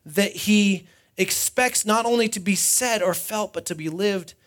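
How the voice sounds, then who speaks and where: High-voiced pastor at a pulpit microphone. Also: male voice, a little slow, a bit bright. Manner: conversational preaching with rhetorical questions. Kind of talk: sermon.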